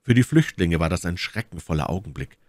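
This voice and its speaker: A male narrator reads a classic novel aloud with expressive, dramatic delivery. His voice is very deep yet lively in its rise and fall, recorded dry and close to the mic. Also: fairly quick, no echo. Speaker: audiobook narrator. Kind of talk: storybook reading of a classic novel.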